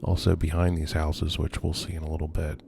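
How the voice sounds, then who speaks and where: A man's voice: a bass voice, completely flat delivery, brisk, creaky, dark tone. A man giving an unscripted narrated tour as an urban explorer, speaking in a hesitant, musing, subdued way with trailing phrases. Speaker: video host and urban explorer. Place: on location at night around abandoned row houses. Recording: noisy ambient location recording.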